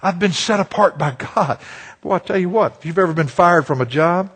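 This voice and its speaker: Husky preacher man, folksy. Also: high-pitched, fairly quick, a bit bright. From Virginia, USA. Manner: folksy storytelling preacher, self-deprecating humor. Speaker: pastor. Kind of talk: sermon.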